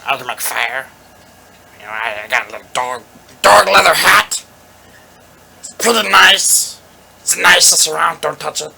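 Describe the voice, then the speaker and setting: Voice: mid-range voice, normal speed, creaky, pauses often, heavily acted. A tabletop player voicing a boastful little goblin adventurer who brags in broken grammar. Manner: broken grammar, bragging, excitable.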